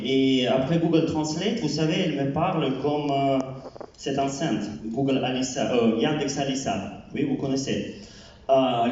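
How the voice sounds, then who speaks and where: A man doing a stand-up set as a French teacher, talking haltingly with many fillers and repeated words. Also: on the high side, darkish tone, slight background noise. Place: comedy club stage. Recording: echoey hall from far off, dull sound.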